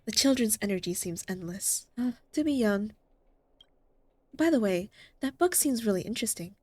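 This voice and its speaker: A woman voicing a calm, kindly female doctor from a video game. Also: medium pitch, moderate pace, no echo, lightly acted. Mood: gentle, thoughtful. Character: calm, kindly female doctor who likes fairy tales.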